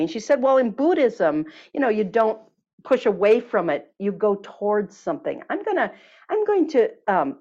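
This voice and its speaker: A woman telling a healing story at length, then leading a listener through a guided exercise, with lots of fillers. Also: medium pitch. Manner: warm, lively storyteller, many fillers. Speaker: guest teacher on body healing. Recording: dull lo-fi sound.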